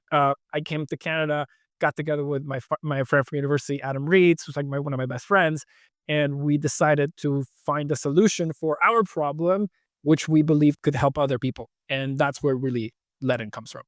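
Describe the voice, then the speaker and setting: Relaxed articulate man from Venezuela. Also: fairly high pitch, moderate pace, no room sound, clean studio sound. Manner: relaxed and articulate, with frequent fillers. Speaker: guest, fintech co-founder. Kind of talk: conversational interview answers.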